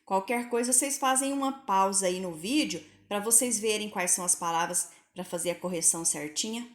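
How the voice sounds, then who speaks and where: A woman teaching Portuguese spelling to pupils in a recorded lesson, patient and clear, sounding out each word slowly. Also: medium pitch, echoey room.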